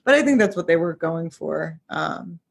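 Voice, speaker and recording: A podcast co-host in casual discussion, reflective and quick to laugh. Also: mid-range voice, lively intonation, creaky, breathy edge.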